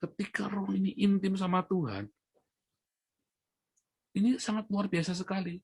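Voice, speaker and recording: A male pastor preaching a sermon, telling a story and rising to loud, high emphatic peaks before dropping to soft asides. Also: steady tone, normal speed, breathy edge, no echo, studio quality.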